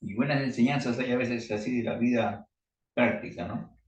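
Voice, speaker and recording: A man's voice: medium pitch, normal speed. Guy giving a loose sermon on zoom, lots of fillers, echoey and far from the mic. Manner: rambling, with frequent fillers. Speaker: lay preacher leading an online meeting. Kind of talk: informal sermon with storytelling. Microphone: video call. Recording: roomy, distant video-call audio.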